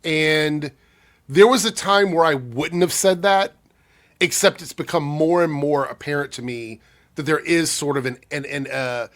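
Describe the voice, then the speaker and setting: Guy w a cold, kinda breathy, casual youtube q&a talk, thinks out loud. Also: on the high side, a little slow. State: under the weather with a cold. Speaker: YouTube commentator. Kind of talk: casual talk answering viewer comments.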